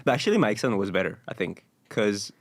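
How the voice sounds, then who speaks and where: A man's voice: fairly low pitch, animated, fast talker, dry recording. A man from France with a French accent, a guest in a casual podcast chat, easygoing and self-deprecating.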